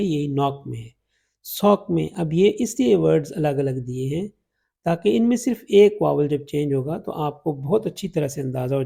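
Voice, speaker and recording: A man gives an unhurried phonetics lesson, stretching out each example word so learners can hear it. His voice is dark, husky and gravelly, pitched a little high for a man. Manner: slow, drawn-out demonstration of vowel sounds. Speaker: English teacher. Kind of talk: phonetics lecture in Urdu-Hindi with English examples.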